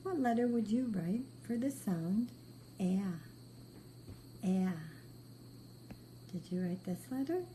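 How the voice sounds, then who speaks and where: A reading teacher with a very mellow, dark tone guides a slow beginner phonics lesson, giving short, patient instructions and often repeating praise. Her mid-range voice has lively intonation, and faint noise sits in the recording.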